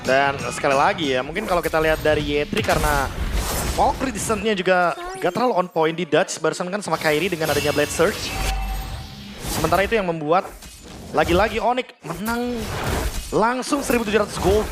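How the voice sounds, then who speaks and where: A man's voice: fairly high pitch, brisk. An Indonesian man giving conversational, explanatory commentary as an analyst on an esports match. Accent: Indonesian, colloquial. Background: music.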